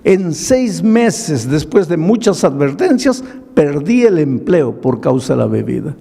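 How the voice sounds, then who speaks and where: A man's voice: a little high, sing-song, unhurried, gravelly, mellow, breathy edge, in a large hall, voice pushed up, heavily acted. A man voicing a grieving homeless drunkard who confesses his past in a pleading voice. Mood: anguished. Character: grieving homeless adult male drunkard, remorseful.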